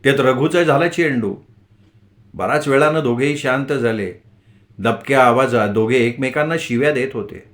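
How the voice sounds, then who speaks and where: A man's voice: mid-range voice, normal speed, a bit bright. A man narrating a novel as an audiobook storyteller, reading steadily and expressively.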